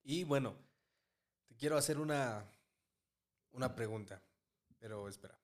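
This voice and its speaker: A Mexican man hosting a casual podcast, talking at an easy, relaxed pace. He stumbles over and repeats words and often ends thoughts with a questioning tag. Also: medium pitch, measured pace. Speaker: podcast host.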